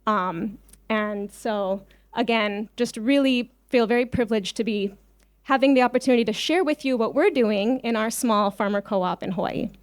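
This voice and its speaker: A woman who leads a farmer cooperative gives an informal, conversational talk as an invited conference speaker, dotted with ums and personal asides. She is from Israel and spent her early childhood on a kibbutz. Her fairly high voice moves at a moderate pace, and the recording is dry.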